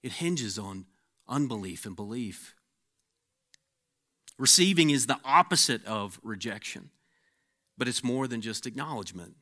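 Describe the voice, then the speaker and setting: A man preaching a sermon, swinging between emphatic peaks and hushed, intense passages, sometimes repeating words as he starts a phrase. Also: mid-range voice, lively intonation, measured pace, long pauses. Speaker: pastor.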